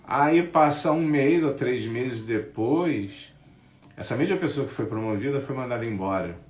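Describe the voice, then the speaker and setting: A man giving a casual talk about envy, lively, acting out what friends say in mocking voices. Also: fairly low pitch, reverberant. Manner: animated, acts out quoted friends in mocking voices. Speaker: speaker on envy.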